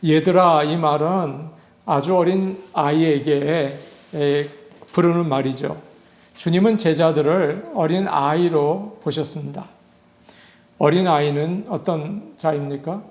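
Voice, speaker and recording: A man's voice: a little high, slow, darkish tone, roomy sound. A male pastor giving a sermon in a conversational way, acting out the voices he quotes.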